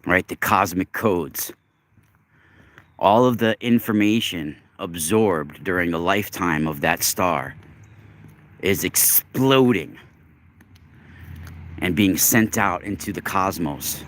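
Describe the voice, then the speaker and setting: A man's voice: low-pitched, unhurried, fairly bright tone. A man talking casually to his livestream viewers while walking outdoors, musing earnestly and stretching words for emphasis. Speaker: livestream host. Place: outdoors, walking in snow along a road.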